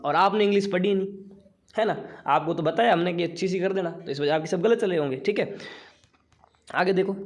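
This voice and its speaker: Chatty high-voiced Hindi teacher. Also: male voice. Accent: Rajasthani Hindi. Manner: chatty, repeats himself, keeps checking "ठीक है". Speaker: online exam-prep teacher. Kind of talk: live online class, casual Hindi lecture.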